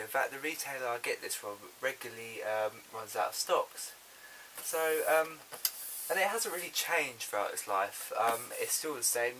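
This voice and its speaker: A loud hiss from a built-in camera microphone sits under the voice of a man. He speaks at an average pitch in an informal, halting way, thinking aloud as he presents an unboxing. Small clicks turn up in the recording. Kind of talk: casual unscripted vlog chat.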